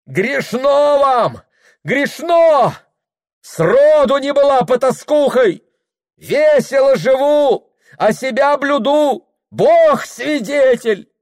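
A man's voice: fairly high pitch, sing-song, slow pace, no room sound, clean studio sound, pitched above the performer's own voice. A man voicing a bold, teasing young village beauty with a defiant sing-song manner. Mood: defiant mocking.

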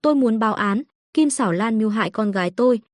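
A woman's voice: fairly high pitch, lively intonation, fast talker, no echo, clean studio sound, lightly acted. A woman voicing a young mother who was once meek and now speaks firmly and bluntly to defend her daughter. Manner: firm and blunt.

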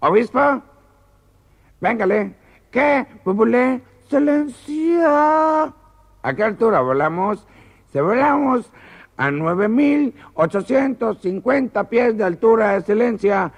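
A man with a high, bouncing voice tells a joke off an old cassette tape. He jumps between comic character voices, his pitch swooping up and down all the time. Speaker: comedian. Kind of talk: recorded joke telling.

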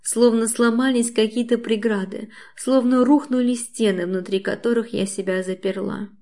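A woman's voice: fairly high pitch, fairly even intonation, moderate pace, mellow. A woman reading a novel aloud in the first person, with intimate, emotional storytelling. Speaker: audiobook narrator. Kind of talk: first-person audiobook narration.

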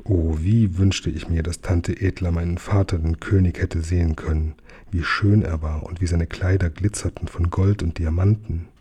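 A man narrating a children's audiobook in a calm, measured way. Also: deep voice, slightly rough. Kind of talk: audiobook reading.

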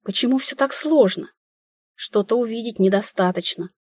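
Husky woman reading a wry audiobook. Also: fairly high pitch, normal speed, no echo. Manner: wry, lively inner-monologue reading. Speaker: audiobook narrator. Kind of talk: first-person audiobook narration.

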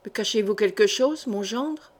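A woman's voice: fairly high pitch, fairly even intonation, unhurried, natural voice. A nervous, greedy old royal intendant, as a woman voices him in an audiobook. He stammers and hesitates, his slightly raised voice full of worry. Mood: frightened. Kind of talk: audiobook character reading.

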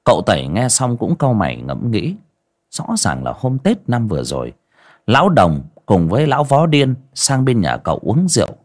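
A male storyteller with a lowish voice that rises and falls widely as he narrates. He tells the folk tale in an earthy, expressive way, leaning into every turn. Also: normal speed.

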